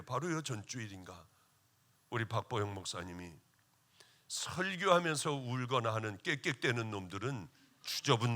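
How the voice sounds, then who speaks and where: A male pastor preaching at a revival meeting, his fairly high, bright voice leaping up and down in pitch. He tells a personal testimony, one moment exclaiming loudly and the next dropping to a hush. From Korea. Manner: emotional storytelling testimony, swinging between loud exclaiming and hushed tones.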